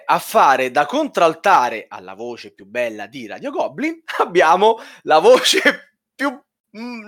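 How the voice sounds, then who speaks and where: A man's voice: high voice, fairly bright tone. A man hosting a podcast in casual chat, with a playful, teasing manner. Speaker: podcast host.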